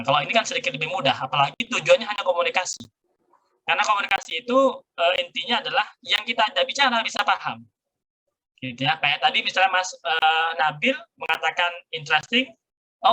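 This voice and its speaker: A man's voice: on the high side, sharp tone, poor audio. A middle-aged male university lecturer explaining a grammar lesson, switching between Indonesian and English.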